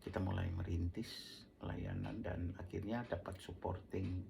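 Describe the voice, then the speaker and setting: A man's voice: low-pitched, little pitch movement, unhurried, gravelly, dark tone, a little hiss or hum. A preacher telling his life story as a testimony, acting out quoted dialogue and often dropping to a near whisper.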